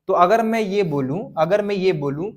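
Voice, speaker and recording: High-voiced man drilling a class. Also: expressive, normal speed. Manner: drills students by repeating lists aloud, quizzing them. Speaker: teacher. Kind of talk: exam revision lesson.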